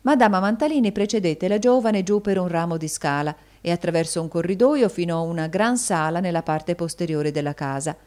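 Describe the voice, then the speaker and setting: Low-voiced woman reading a novel. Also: fairly quick, few pauses, darkish tone. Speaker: narrator. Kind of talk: audiobook reading.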